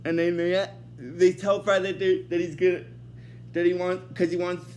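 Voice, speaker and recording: High-voiced rambling man recapping an episode. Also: level tone, normal speed, darkish tone, a little hiss or hum. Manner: rambling, leans heavily on "basically" and restarts. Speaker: host of an episode recap series. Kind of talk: casual unscripted episode recap.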